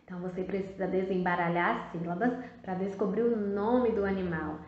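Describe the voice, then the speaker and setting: A woman with a Brazilian Portuguese accent teaching a first-grade class in a recorded video lesson, stretching words out in a slow, sing-song teacherly way. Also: medium pitch, a little mellow, a little hiss or hum. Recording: very echoey, dull lo-fi sound.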